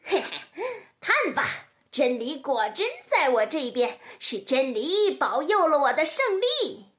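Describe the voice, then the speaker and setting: A woman's voice: high voice, big pitch swings, unhurried. A woman voicing a sly, cunning female fox who gloats and teases in a children's storybook reading. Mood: gloating. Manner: smug, teasing.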